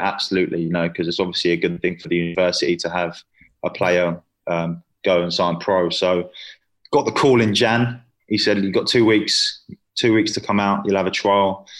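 A young man in his twenties, chatting casually as an interview guest, full of fillers. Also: sits low. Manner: chatty, lots of fillers and "you know".

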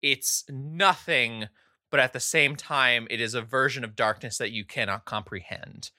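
A man's voice: mid-range voice, measured pace, pushed and bright, dry recording, studio quality. A man narrating a tabletop game as game master, describing scenes casually with many "like" fillers.

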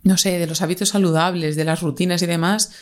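She's a young podcast host from Spain, talking fast and casually on her own show, with a Spanish accent and frequent fillers and self-corrections. Her voice is on the low side with fairly even intonation.

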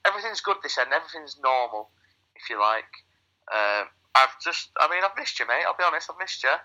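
A man's voice: a little high, sing-song, a little fast, bright, forceful tone. A man with a cold, heard through a phone speaker, rambling and joking crudely in casual chat. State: has a cold. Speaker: podcast co-host. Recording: phone call played on speakerphone.

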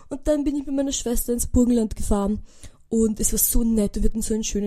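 A young woman with an Austrian German accent, telling a story in a chatty, excitable podcast monologue and slipping English words in. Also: mid-range voice. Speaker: podcast host.

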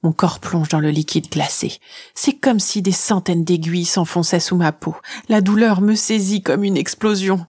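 A woman telling a children's adventure story in the first person with vivid, expressive narration. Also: fairly low pitch, moderate pace, husky, no room sound, studio quality.

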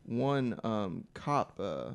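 A man's voice: on the low side, sing-song, drawn-out words, vocal fry, smooth, dry recording. A man chatting casually about films as a panelist, often hesitating as he searches for the right words. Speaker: podcast panelist. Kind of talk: casual film discussion.

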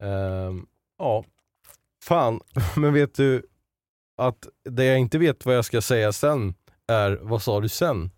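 A man's voice: medium pitch, animated, a little mellow, no echo, clean studio sound. A young man co-hosting a Swedish podcast, chatting casually and loosely with lots of fillers. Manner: loose, filler-heavy, joking. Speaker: podcast co-host running a segment.

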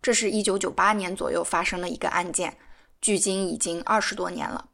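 A woman narrating a documentary podcast, telling a case calmly in a scripted way. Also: lowish voice, a little fast, creaky.

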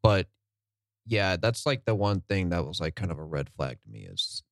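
A man co-hosting a casual sports podcast, relaxed and sprinkling in "like" as he reels off stats. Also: low-pitched, normal speed, gravelly, no room sound, studio quality. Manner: relaxed, fills with "like", lists stats. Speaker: podcast co-host.

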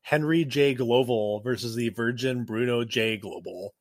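Podcast co-host, male, mid-pitched, animated, joking, laughs easily; dry mic. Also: measured pace, dry recording. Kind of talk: casual chat.

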